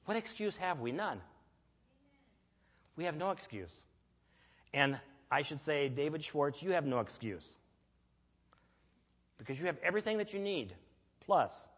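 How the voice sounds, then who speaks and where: A man preaching a sermon in a church, earnest and emphatic, telling a personal story with pauses. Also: fairly high pitch, sing-song, fairly bright tone, breathy edge. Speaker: lay preacher. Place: church sanctuary. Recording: echoey church hall, dull lo-fi.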